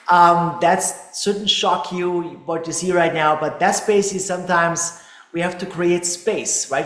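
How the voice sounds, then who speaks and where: A man presents a dental webinar in a loose, chatty way. His voice sits a little high, and he keeps checking in with "right?". The room around him is echoey. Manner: chatty, many tag questions and restarts. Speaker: webinar host, dental lab co-owner. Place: dental laboratory.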